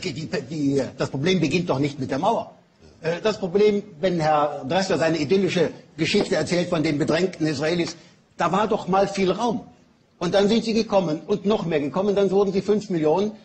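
Older male panelist, emphatic, high-pitched, explaining. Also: moderate pace, a little mellow, a little hiss or hum. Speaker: panel guest. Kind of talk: talk show debate. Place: TV studio.

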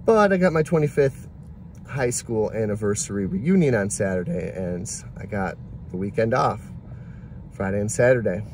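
Sitting in his car, a man in his forties who vlogs about delivery driving talks openly to his phone camera at arm's length, reflecting and wandering between thoughts. His lowish voice is animated and a little mellow, at normal speed, with slight background noise.

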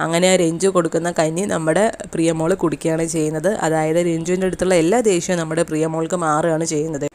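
A woman's voice: low voice, flat delivery, fast, a little mellow. A woman chattily retelling the latest episode of a TV serial in a casual, conversational way. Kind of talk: casual spoken episode recap.

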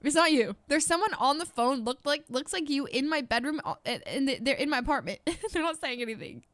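A woman's voice: high voice, expressive, a little fast, fairly bright tone, dry recording. A young woman streaming an in-character role-play game, giggly and exclaiming.

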